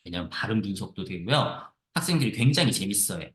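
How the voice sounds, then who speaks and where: A man teaching how to use a reading app, explaining with lively repetition as he clicks through a screen-share tutorial. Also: on the low side, fast, roomy sound. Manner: lively explanatory, repeats phrases.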